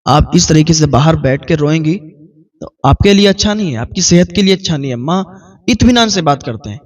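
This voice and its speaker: A preacher voicing a gentle devout son. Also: male voice, a little high, distant mic. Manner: soft, calm, reasoning.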